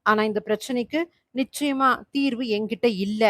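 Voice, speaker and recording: A woman's voice: fairly high pitch, steady tone, normal speed, no room sound, clean studio sound, natural voice. Sober female doctor, read by a woman. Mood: serious.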